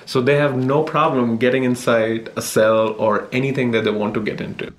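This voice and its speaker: A man's voice: medium pitch, fairly even intonation, normal speed. A man, a scientist, explaining his work informally in an interview in a lab. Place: indoors in a lab. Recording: faint room noise on location. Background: faint noise, room ambience.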